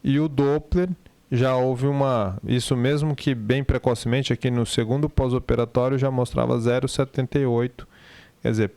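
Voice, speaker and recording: A man's voice: mid-range voice, fairly even intonation, normal speed, darkish tone, smooth, dry recording. A man with a Brazilian accent giving an informal surgical case presentation, conversational and explanatory, often rephrasing himself.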